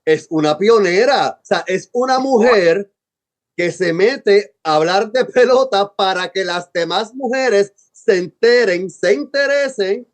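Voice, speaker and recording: Male co-host, high-pitched and eager, casual panel talk. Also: animated, measured pace.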